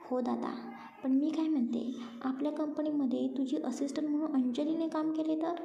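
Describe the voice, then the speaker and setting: Storybook reading: woman doing a pleading, peacemaking young sister, mellow and gravelly. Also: high voice, fairly even intonation, moderate pace, voice pushed up. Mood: coaxing. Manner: pleading, coaxing. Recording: roomy, muffled lo-fi recording.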